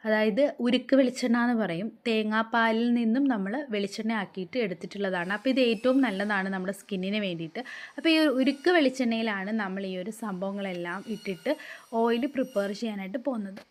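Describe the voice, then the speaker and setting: Hoarse woman giving a chatty home tutorial. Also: medium pitch, fast talker. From Kerala, India. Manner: chatty, explains step by step, often adds reassuring tags. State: hoarse from a cough. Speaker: home remedy vlogger.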